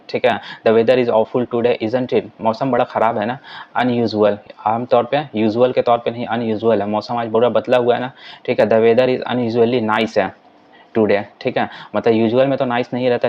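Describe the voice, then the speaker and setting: A man teaching English in Hindi. He reads English sentences slowly, explains them quickly, and keeps saying "ठीक है" as he goes. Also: mid-range voice, muffled recording. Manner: repeats "ठीक है" as a filler.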